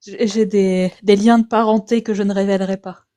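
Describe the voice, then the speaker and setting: Dry, teasing woman with mellow voice. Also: medium pitch, fairly even intonation, moderate pace. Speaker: co-host guest. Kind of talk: casual chat.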